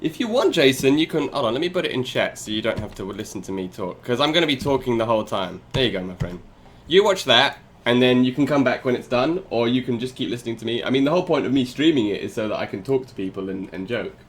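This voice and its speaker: A man's voice: mid-range voice, expressive, fast. A man streaming live, reacting to a video with sarcastic commentary, laughing often and talking to his chat.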